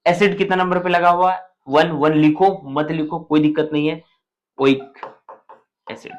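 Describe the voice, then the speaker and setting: Step-by-step male chemistry teacher, higher voice. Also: steady tone, a little slow. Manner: keeps checking in with the student, explains step by step; colloquial, matter-of-fact explaining. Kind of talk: classroom lecture.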